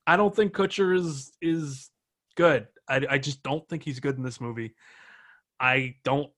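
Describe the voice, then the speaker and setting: Male podcast co-host, casual, profane, chuckling, halting delivery. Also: medium pitch, a bit bright. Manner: profane, laughs often, halting restarts. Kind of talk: casual movie review chat.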